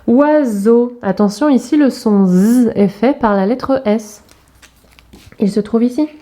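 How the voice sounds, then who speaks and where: A woman teacher, talking young pupils through an exercise in a remote lesson video, spelling out sounds and letters slowly and carefully. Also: fairly high pitch, mellow. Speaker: primary school teacher.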